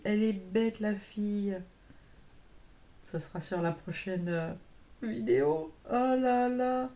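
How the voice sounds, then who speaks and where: A woman's voice: medium pitch, darkish tone. Chatty woman rambling with many fillers. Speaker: cross-stitch vlogger. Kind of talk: casual chat to camera.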